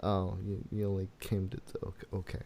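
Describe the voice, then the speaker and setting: An American podcast host in his late twenties chats casually, telling stories animatedly and acting out the quoted dialogue. His voice is low-pitched and creaky, at a moderate pace.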